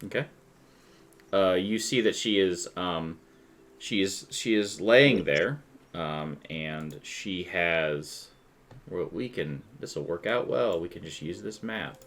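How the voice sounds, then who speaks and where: A man's voice: sits low, lively intonation, takes it slowly, fairly bright tone. A man running a tabletop game as game master, narrating and chatting conversationally with the players.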